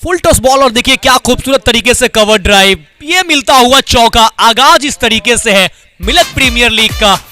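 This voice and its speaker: A man giving excited live cricket commentary with dramatic calls of the play. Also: very high-pitched, moderate pace, soft background music.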